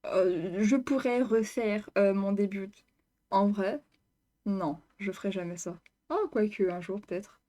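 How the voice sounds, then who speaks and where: A woman's voice: mid-range voice, measured pace, warm tone. A woman vlogger reacting to her own video in a casual, self-mocking way, laughing and teasing herself.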